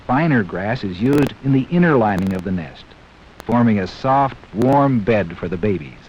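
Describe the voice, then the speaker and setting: This is educational narration for children from a 1960s film, the audio dull and lightly hissy. The male narrator's mid-range pitch shifts in lively arcs, and his delivery is deliberate and clearly scripted.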